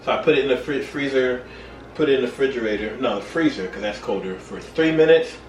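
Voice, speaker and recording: A man's voice: mid-range voice, fast talker, slight background noise. A tipsy man hosting a home cooking video, chatting casually and loosely, rambling and losing his train of thought. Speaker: home cooking show host. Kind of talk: casual chat to camera while cooking. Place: home kitchen. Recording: roomy echo, distant mic, music behind.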